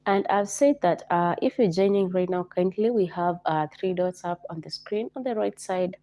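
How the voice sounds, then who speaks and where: A Kenyan woman hosts a live online show, her voice low and mellow. She keeps repeating her greetings and coaxes viewers to like the stream and comment. The sound is close and dry. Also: moderate pace, no room sound. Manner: repetitive, coaxing viewers to like and comment.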